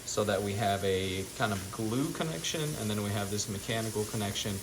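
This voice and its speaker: A man with a fairly deep voice walks through a do-it-yourself project. He talks casually, like a hobbyist showing his work. Background noise is clearly audible in the recording. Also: fairly quick. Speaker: hobbyist maker and vendor showing a DIY build. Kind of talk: casual spoken build walkthrough.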